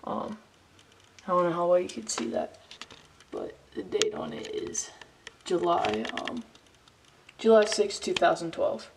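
A young woman talks casually to her camera while poking through abandoned buildings in the woods, her low voice gravelly at the edges. She rambles with fillers and quick asides. The handheld recording carries a loud bed of background noise. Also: huge pitch swings. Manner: chatty, filler-heavy, hushed asides. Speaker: vlogger exploring abandoned places. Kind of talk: casual exploring commentary. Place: abandoned amusement park, indoors and outdoors in woods.

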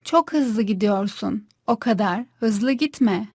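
A woman's voice: medium pitch, lively intonation, takes it slowly, husky, dry recording, studio quality. A woman carefully repeating short phrases for a language course. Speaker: Turkish phrase reader. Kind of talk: scripted phrasebook reading.

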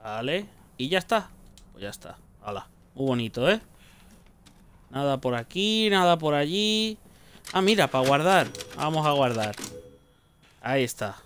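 Muttering gaming streamer. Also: male voice, fairly high pitch, big pitch swings, a little slow, pauses often, fairly bright tone, clear, resonant tone. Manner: muttering to himself, joking, swearing. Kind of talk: casual gameplay commentary.

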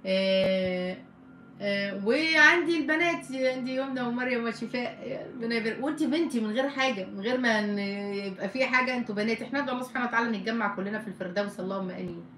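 A woman's voice: fairly high pitch, racing, pushed and bright, echoey room, slight background noise. A middle-aged woman with an Egyptian Arabic accent, a family counselor hosting a live stream, reading viewer comments and giving firm, emphatic advice.

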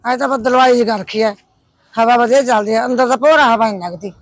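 Playing a gossipy, complaining old village woman in a village comedy drama, a woman speaks quickly in a slightly high voice with a Punjabi accent. The acting is light, the mood is gossipy, and there's slight background noise.

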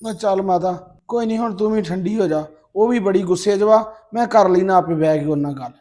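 A man's voice: sits high, a little fast, dark tone, natural voice. A man playing a torn young husband. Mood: pleading. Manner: placating, pleading. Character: young husband caught between wife and mother. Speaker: husband and son. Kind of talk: Punjabi family drama acting.

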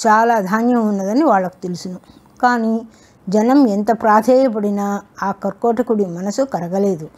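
A woman narrating a folk tale in a steady, measured storytelling manner. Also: mid-range voice.

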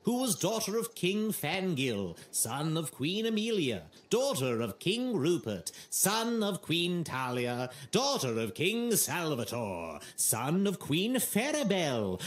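A man's voice: on the high side, wildly swooping pitch, slow pace, few pauses, reverberant, heavily acted. An actor voicing a pompous male royal herald with a formal, proclaiming manner.

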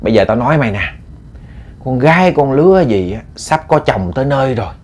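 A man's voice: medium pitch, lively intonation, a little fast, a little mellow, lightly acted. A man voicing a scolding sick old mother. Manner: blunt scolding, rambling.

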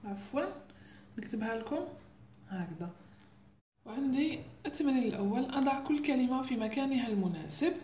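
A woman, patiently teaching first-grade letters and sounding out syllables slowly. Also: on the high side, lively intonation, warm tone, roomy sound, dull audio, slight background noise. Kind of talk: home lesson on Arabic letters for parents.

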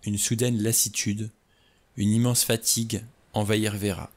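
Male narrator, audiobook reading, lowish voice, measured. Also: level tone. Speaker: audiobook reader. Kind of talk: scripted narration.

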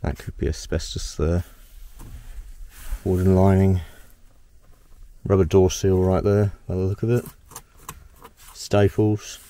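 A man with a low, mellow voice wanders through an old ruin, thinking aloud as he goes. His curious, casual narration drifts from one find to the next. He is recorded outdoors on a handheld camera. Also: steady tone, slow, long pauses. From Australia. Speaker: exploration vlogger. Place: outdoors at a ruined house.

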